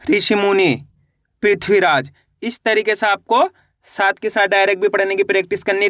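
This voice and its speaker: A high-pitched, slightly bright-voiced Hindi reading teacher patiently takes beginners through a slow lesson, pronouncing words syllable by syllable and then in full. He's repetitive, often asking "how will you read it?", and the studio-quality audio has no echo.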